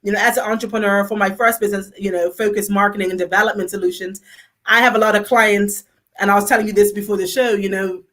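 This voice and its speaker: A woman's voice: mid-range voice, fast. Upbeat Bermudian woman on a talk show. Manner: upbeat and energetic, enthusiastic shout-outs. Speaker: guest, fashion designer. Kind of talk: casual talk show chat.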